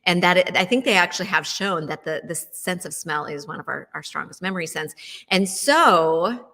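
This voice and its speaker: A woman's voice: fairly low pitch, lively intonation, moderate pace, pushed and bright, in a large hall. A middle-aged woman host telling a casual story to her listeners, chatty and full of questions and fillers. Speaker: wellness show host.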